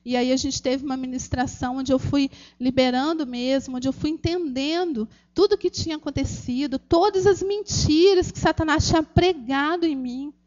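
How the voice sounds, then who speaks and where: A Brazilian woman gives a heartfelt personal testimony at a church gathering, her Brazilian Portuguese accent clear as she earnestly addresses the audience as "gente" and keeps restarting. Her high, slightly mellow voice moves at a moderate pace with few pauses. The sound is lo-fi.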